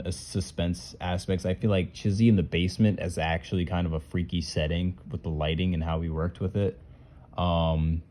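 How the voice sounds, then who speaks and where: A man's voice: deep voice, mellow. A man who makes puppet skits, casually talking through and ranking them in a loose, rambling way. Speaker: puppet skit creator. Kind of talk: casual commentary reviewing skits.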